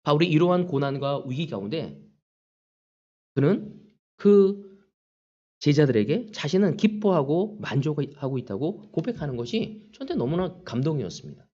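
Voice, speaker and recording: A man's voice: a little high, sing-song, moderate pace, dark tone, dull audio. A male pastor preaching a sermon, acting out prayers and the taunts of others as he goes. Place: church sanctuary.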